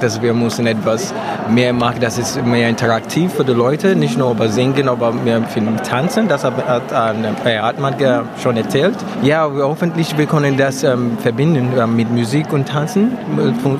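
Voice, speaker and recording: A man from Nigeria is interviewed on the radio as a musician, speaking German that is not his first language. He talks haltingly and keeps searching for words. His voice sits at an ordinary pitch, and clear noise runs behind him. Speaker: musician guest.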